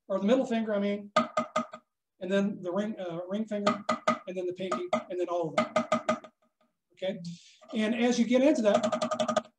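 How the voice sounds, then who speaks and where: Echoey male percussion teacher coaching. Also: sits high. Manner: instructive, checks in with frequent "okay?". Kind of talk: hands-on music coaching. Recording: echoey room.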